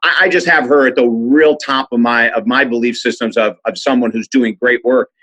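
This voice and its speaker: A man's voice: mid-range voice, steady tone, moderate pace, a bit bright, low-quality recording. A man, an author and speaker, telling stories as a podcast guest, enthusiastic and acting out the people he quotes. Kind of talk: animated storytelling interview.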